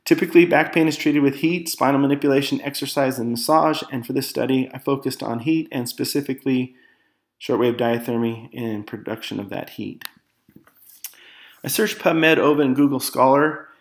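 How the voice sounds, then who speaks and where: A male student narrates an academic slide presentation in a medium-pitched voice. He halts now and then, correcting himself and repeating words.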